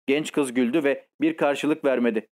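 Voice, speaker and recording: A man narrating a classic short story as an audiobook in a steady, literary storytelling manner. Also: mid-range voice, moderate pace. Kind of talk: scripted narration.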